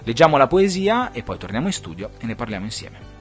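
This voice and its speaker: A man's voice: mid-range voice, very animated, quick pace, over music. A man hosting a poetry show in a studio, talking in a reflective, digressive way with hesitant fillers and restarts. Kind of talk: podcast talk with poetry reading.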